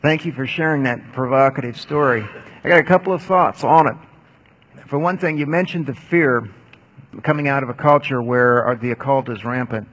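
A man teaching Bible lessons, answering audience questions in a measured, explanatory way. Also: mid-range voice, fairly bright tone.

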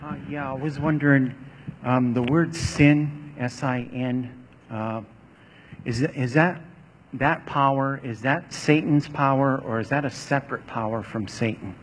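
A man from the audience asking a question, halting and searching for words. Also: medium pitch, a little hiss or hum. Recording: distant echoing hall mic.

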